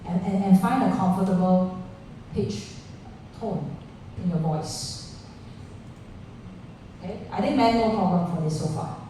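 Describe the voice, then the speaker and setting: Running a pitching workshop, a dark-toned woman speaks live to founders in a large indoor room with an audience, asking them questions and dropping local particles like "lah." The recording picks her up from far off in an echoey space with faint noise.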